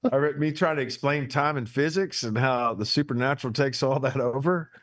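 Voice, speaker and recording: A man's voice: medium pitch, brisk. A man with an Appalachian hillbilly accent, chatting casually as an interview guest in a folksy, emphatic way. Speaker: guest, ministry leader and author. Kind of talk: casual chat.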